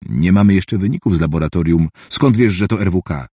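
A man reading an audiobook, voicing a blunt, skeptical male doctor in his own low, husky voice. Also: lively intonation, fairly quick, warm tone, no echo, clean studio sound. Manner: blunt, questioning.

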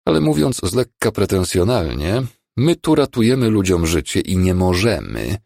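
A man voicing a calm, firm emergency doctor in an audiobook. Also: low-pitched, normal speed, gravelly, dry recording, clean studio sound, voice pushed up, full character voice. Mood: lecturing.

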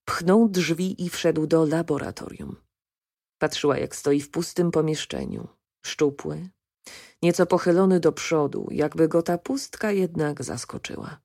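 A woman narrating an audiobook with a calm, even reading. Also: low voice, a little slow, creaky, dry recording, studio quality. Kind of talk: scripted narration.

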